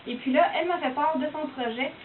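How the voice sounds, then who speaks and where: A woman's voice: sits high, fast talker, echoey room, distant mic, phone-quality sound, a little hiss or hum. A young woman with a Québécois French accent, chatting casually as she explains her dialect, with lots of "donc" and "euh" fillers. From Quebec.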